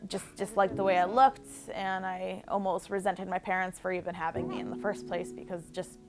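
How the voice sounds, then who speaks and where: A woman's voice: fairly low pitch, fairly even intonation, brisk. A woman in her twenties from the Buffalo area, giving candid, reflective personal testimony for a documentary. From Buffalo area, New York, USA. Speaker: documentary interviewee. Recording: music bed under the voice. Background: background music.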